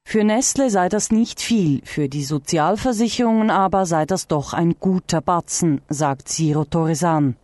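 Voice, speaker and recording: A woman reading a scripted radio news report in a measured, clear way. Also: fairly low pitch, a little mellow.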